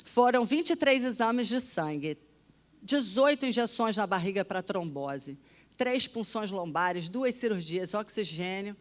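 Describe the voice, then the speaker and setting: A woman telling a personal testimony in an animated, dramatic way, often dropping to a hushed voice. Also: medium pitch, unhurried. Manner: animated, dramatic storytelling with sudden drops to a hush. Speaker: storyteller.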